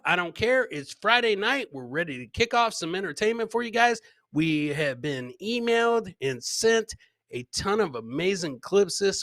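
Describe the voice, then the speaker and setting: On a casual livestream, a forties-aged man runs a comedy clip show with crude humor and repeated lines. He speaks close to a boom-arm podcast mic or headset, so the recording is dry, and his high voice has a fairly bright tone.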